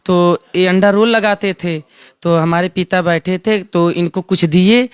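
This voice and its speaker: A man recounting a family story, lively and quoting relatives in dialect. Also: high voice, measured pace, clear, resonant tone, dry recording, clean studio sound. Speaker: interviewee, family member. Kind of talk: storytelling in an interview.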